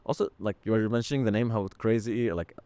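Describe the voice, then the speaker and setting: A man's voice: on the low side, dark tone, no room sound. Earnest man, dry close sound. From Syria. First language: Arabic. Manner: halting, searching for words, earnest. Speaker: podcast host. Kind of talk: reflective podcast conversation.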